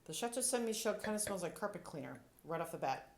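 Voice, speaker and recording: A woman's voice: on the low side, lively intonation, fast talker. A woman sommelier giving casual tasting commentary, thinking aloud with playful, descriptive asides. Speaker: sommelier reviewing wines.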